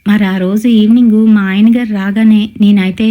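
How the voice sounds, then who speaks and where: Woman telling a ghost story, mellow voice. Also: medium pitch, normal speed. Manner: steady storytelling with quoted dialogue. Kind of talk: first-person horror story narration.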